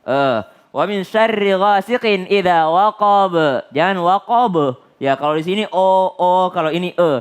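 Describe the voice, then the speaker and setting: A man teaching Quran recitation rules, explaining quickly in chat and then reciting examples slowly and melodically while correcting common mistakes. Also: sits high, clear, resonant tone. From Indonesia. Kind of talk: tajwid lesson with recited examples.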